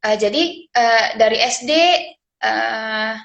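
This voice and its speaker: A woman's voice: a little high, little pitch movement, takes it slowly, gravelly, a bit bright. Hesitant young woman, guest speaker. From Aceh, Indonesia. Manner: hesitant, many fillers and restarts. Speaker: guest speaker, scholarship awardee. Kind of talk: live-stream sharing session.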